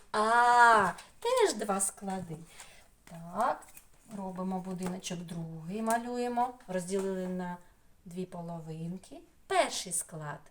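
A middle-aged woman from Ukraine teaching a remote phonics lesson to small children, drawing out and repeating sounds in a sing-song way. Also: lowish voice. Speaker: preschool teacher. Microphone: computer mic in an online class.

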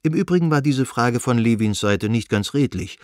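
A man narrating a classic novel as an audiobook in a measured, even reading style. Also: mid-range voice, dry recording, studio quality. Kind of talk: scripted narration.

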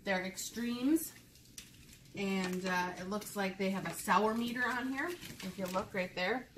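A woman's voice: medium pitch, unhurried. A woman in her thirties chatting casually with a child, explaining things and asking simple questions, recorded at a table indoors. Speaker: mother co-hosting a candy review with her child. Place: indoors at a table in a home room. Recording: roomy, noisy home phone-camera recording.

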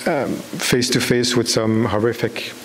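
At a public talk, a documentary filmmaker from Belgium in his thirties improvises an answer on stage, feeling for words and often beginning again. The pitch is mid-range for a man and the tone steady. The large dark hall adds long reverb, with a clear hiss beneath.

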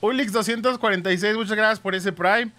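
A man's voice: sits high, a little fast, pushed and bright, dry recording. A man streaming a ghost-hunting game, chatting with viewers and thanking them, with dramatic exclamations. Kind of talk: live game stream with chat.

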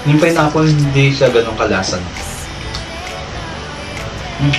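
A man's voice: mid-range voice, lively intonation, slow pace, poor audio. A man vlogging a candy taste test, talking with candy in his mouth. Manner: chatty, addresses viewers as guys. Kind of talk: casual taste-test vlog. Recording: music playing behind, voice a bit off-mic.

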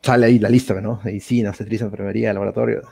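A young man, a guest telling his story in a casual, animated interview and acting out the dialogue. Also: fairly low pitch, very fast, vocal fry, husky. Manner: animated retelling full of quoted dialogue.

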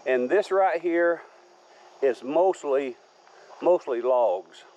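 A man with a warm, somewhat high voice talks slowly but animatedly while giving a filmed tour of his wooded homestead, rambling in a folksy, easygoing way. The dull outdoor camera audio carries a little hiss or hum along with crickets and insects.

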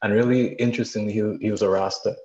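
Young man, low voice, relaxed and chatty, dull lo-fi video-call sound. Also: quick pace. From Barbados. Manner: relaxed, chatty with fillers and small laughs. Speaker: audience participant. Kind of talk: casual discussion.

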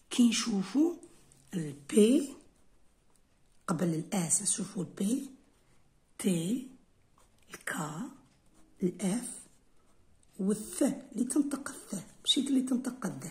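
A woman's voice: mid-range voice, expressive, unhurried, pauses often, a little mellow. A woman English teacher with an Algerian Arabic accent, going through an exam correction step by step and switching between Arabic and English.

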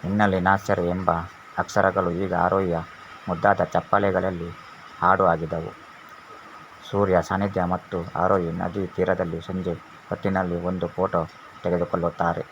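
A male storyteller reads a serial novel in a very deep, monotone voice. His reading is measured and unhurried. The sound is dull and lo-fi, with a faint hiss underneath. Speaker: narrator. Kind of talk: storybook narration.

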